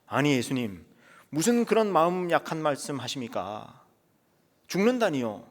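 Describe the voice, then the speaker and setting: Give me a preacher putting on an impulsive, boastful disciple, raised and insistent, with long reverb. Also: male voice, on the low side, steady tone, fast talker, vocal fry. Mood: protesting. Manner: loud, raised, insistent pleading. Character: impetuous, boastful male disciple protesting loudly.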